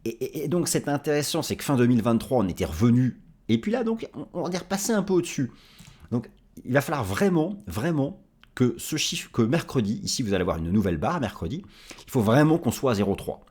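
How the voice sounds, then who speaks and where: A man's voice: mid-range voice, sing-song, fairly quick, a little mellow, slightly rough. A man giving market commentary as an analyst, explaining charts and speaking directly to viewers.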